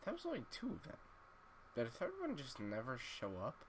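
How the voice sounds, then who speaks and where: A man's voice: medium pitch, wildly swooping pitch, fairly quick, slight background noise. A man giving casual, wry gameplay commentary, sleepy and drowsy after just waking up. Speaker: gaming YouTuber.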